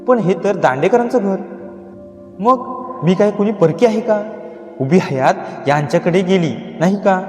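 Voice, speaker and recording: A man's voice: high-pitched, expressive, measured pace, a little mellow. A man voicing an older village housekeeper woman, devoted and anxious, speaking in a pleading, rustic way. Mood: indignant. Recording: echoey reverberant room, faint music.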